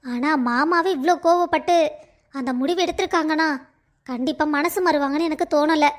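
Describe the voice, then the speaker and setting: A woman's voice: high-pitched, moderate pace, lightly acted. A woman voicing a worried, earnest young daughter-in-law in a cartoon story.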